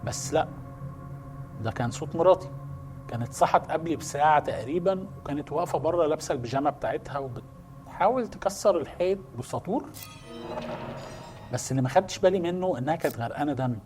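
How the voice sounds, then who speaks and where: A man voicing a hushed, grieving haunted father. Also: a little high, lively intonation, quick pace, long pauses, over music, close to an everyday voice. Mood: grim. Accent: Egyptian Arabic. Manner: hushed, sorrowful storytelling.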